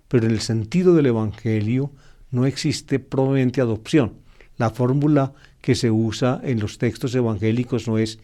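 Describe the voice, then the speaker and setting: Priest with a dark, mellow voice. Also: male voice, medium pitch. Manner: teacherly, explains slowly with many fillers and restarts. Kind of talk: gospel reflection sermon.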